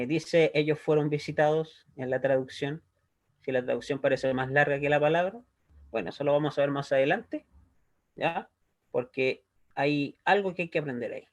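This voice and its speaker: A man's voice: a little high, normal speed. A man teaching a recorded language lesson, explaining step by step and checking in with a frequent "¿ya?". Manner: patient, checks understanding with a frequent "¿ya?". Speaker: Hebrew teacher.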